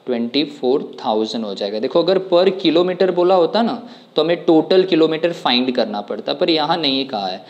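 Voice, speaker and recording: A man's voice: on the high side, expressive, normal speed, dull audio. A man tutoring students through an exam problem step by step, often asking questions back at them. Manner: explains step by step, asks rhetorical questions. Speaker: commerce tutor. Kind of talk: exam problem walkthrough lesson.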